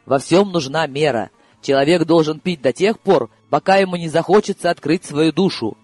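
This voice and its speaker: A man reading an audiobook voices an unhurried, ironic older man with a dry, gently mocking manner. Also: fairly high pitch, no room sound, faint music behind, pitched above the performer's own voice, lightly acted. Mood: calm, wry. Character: calm, ironic older man, fond drinker.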